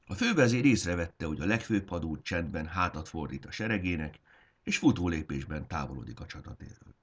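Deep husky guy reading a fantasy audiobook, real dramatic. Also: expressive. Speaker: narrator. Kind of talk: audiobook narration.

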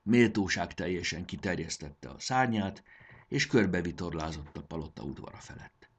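A man's voice: deep voice, lively intonation, husky. A man narrating a children's storybook expressively, voicing the characters.

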